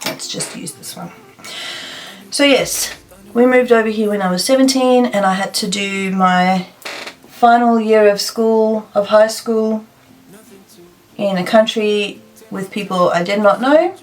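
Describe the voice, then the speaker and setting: A South African beauty vlogger in her thirties chats and thinks aloud while doing her makeup for a get-ready-with-me video in a plain indoor room. Her mid-range voice is unhurried and full of pauses, and the audio quality is poor.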